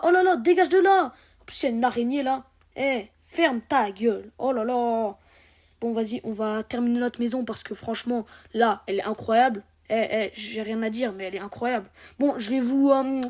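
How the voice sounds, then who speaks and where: With a slightly high, darkish voice, a teenage girl rambles jokingly over her game footage, hesitating often. She creates gaming videos, and this voiceover was recorded at home and laid over the gameplay.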